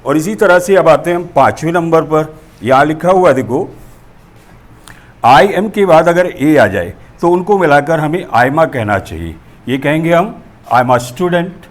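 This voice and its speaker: A male teacher giving a Hindi-language lesson on spoken English, explaining step by step and saying model phrases slowly and deliberately. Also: on the high side.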